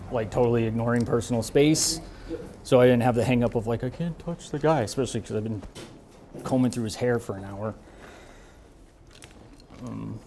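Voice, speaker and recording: A man in his thirties, a barber and shop owner, talking casually while he works, relaxed and rambling with many fillers, moving around the room away from the camera mic. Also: fairly low pitch, slight background noise. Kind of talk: casual talk while working. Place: barbershop with brick walls, indoors.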